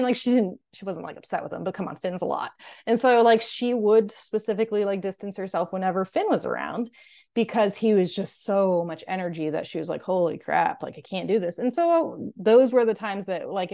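A woman's voice: medium pitch, a little mellow. A woman who is a veterinary technician, explaining in casual educational podcast talk, chatty and full of "like" and "kind of". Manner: chatty, heavy use of "like" and "kind of".

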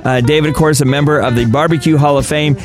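A middle-aged man co-hosting a radio talk show, chatting casually and joking with quick asides. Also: on the high side, fairly even intonation, music in the background. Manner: jokey, laughing, quick asides.

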